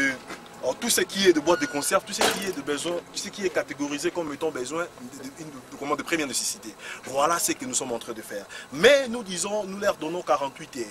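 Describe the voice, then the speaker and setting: A man from Congo, a community leader, speaking with passion in a street interview in front of an embassy, often repeating words as he gets worked up. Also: fairly high pitch. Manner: impassioned, repeats words when stirred. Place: outdoors on a city street. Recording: street noise and traffic behind.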